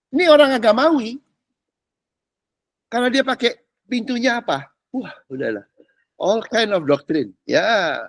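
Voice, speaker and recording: A middle-aged male pastor teaching a discipleship class in casual slang, teasing his listeners with rhetorical questions and swinging between loud and soft. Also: high-pitched, no echo. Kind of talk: animated sermon teaching. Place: church classroom.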